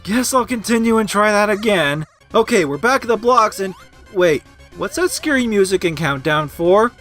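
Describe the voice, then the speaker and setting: A man's voice: sits high, sing-song, normal speed, fairly bright tone, soft background music. A man doing a comedic angry gamer review, ranting and swearing in exasperation like a raging gamer. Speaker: video game reviewer. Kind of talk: comedic angry gamer parody review, scripted narration with outbursts.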